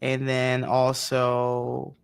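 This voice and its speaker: Co-host, male, gravelly, easygoing casual delivery. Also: medium pitch, completely flat delivery, extremely slow. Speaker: podcast co-host. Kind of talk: casual roundtable chat.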